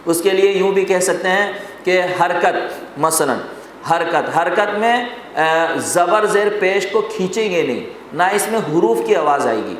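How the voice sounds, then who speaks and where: A male Quran recitation teacher with a high, expressive voice gives a patient classroom lesson, explaining rules step by step, quizzing students and repeating lists. The recording is in a very echoey hall with faint hiss.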